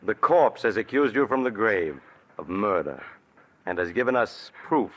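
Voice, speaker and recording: In an old radio broadcast recording of a 1940s drama, an actor plays a shrewd male doctor exposing a murderer. His lowish, slightly rough voice swings widely in pitch as he speaks in a measured, probing, accusing way.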